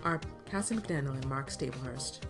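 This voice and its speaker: A woman hosting a local interview podcast, reading a calm, measured introduction. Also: very deep voice. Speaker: podcast host. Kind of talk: scripted narration. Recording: music bed behind narration.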